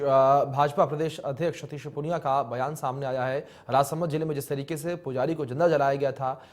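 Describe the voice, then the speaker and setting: A man reading the news in a brisk, formal anchor delivery. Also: a little high.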